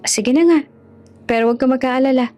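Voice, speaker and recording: A woman's voice: high-pitched, fairly quick, warm tone, faint music behind, voice pushed up, lightly acted. Woman doing an earnest young boss. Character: young man, reformed charming boss.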